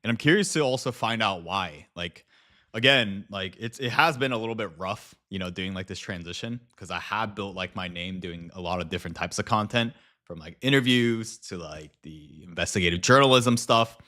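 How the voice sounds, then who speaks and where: Low-voiced man casually chatting on livestream. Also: moderate pace, bright, forceful tone. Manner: informal slang, swearing. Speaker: live streamer and video creator. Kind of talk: casual livestream chat, reading viewer messages aloud.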